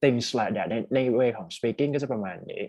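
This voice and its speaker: A man's voice: mid-range voice, unhurried, a little mellow, no room sound. A Thai man coaching a student for a speaking exam, chatty and mixing English terms into his talk over a call. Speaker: IELTS speaking tutor. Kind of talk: casual one-on-one coaching.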